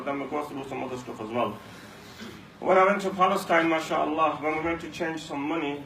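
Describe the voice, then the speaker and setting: Delivering a Ramadan talk in a mosque, this male speaker tells stories and repeats phrases to drive points home. His voice is a touch high with a fairly bright tone, captured by a distant mic in an echoey room with a faint hum.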